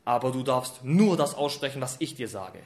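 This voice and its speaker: A preacher reading the words of a stern angel with a drawn sword. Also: male voice, medium pitch, animated, normal speed, darkish tone, voice pushed down, lightly acted. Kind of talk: reading scripture aloud.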